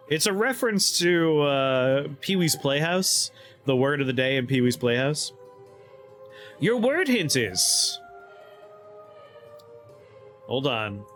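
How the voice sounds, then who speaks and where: A medium-pitched man streams a video game, chatting excitably and casually with his audience. He laughs often and reads the game's text aloud.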